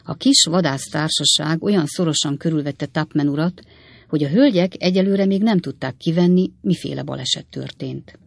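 A woman narrating an audiobook in a measured, expressive reading. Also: low-pitched, vocal fry, dry recording.

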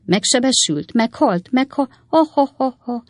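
A woman voicing a hysterical old spinster aunt in a storybook reading, shrill and gasping. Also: lively intonation, dry recording, clean studio sound. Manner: shrill, gasping, laughing fits.

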